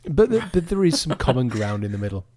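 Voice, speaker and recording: A man's voice: medium pitch, sing-song, quick pace, a little mellow, slight background noise. A man co-hosting a podcast, rambling and chatty, often restarting his sentences. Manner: rambling, chatty, self-interrupting. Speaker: podcast co-host. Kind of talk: casual chat.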